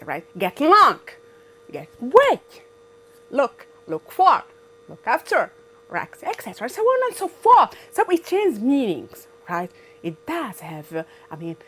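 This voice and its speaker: A woman's voice: fairly high pitch, a bit bright. A woman whose first language is Arabic, teaching an English grammar revision lesson with emphatic repetition and frequent checks like "right?" and "good".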